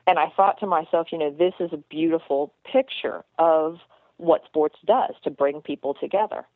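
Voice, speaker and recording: Speaking at a moderate pace in a deep voice, a woman co-hosting a radio show talks basketball earnestly and casually, often restarting and repeating words. The recording is a dry, tinny phone line.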